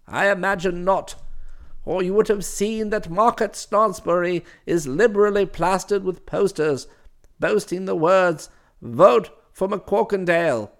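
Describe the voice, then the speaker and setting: Storybook role: imperious older matron, haughty and scolding, measured delivery, put on by a male reader. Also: high-pitched. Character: stern imperious older woman candidate.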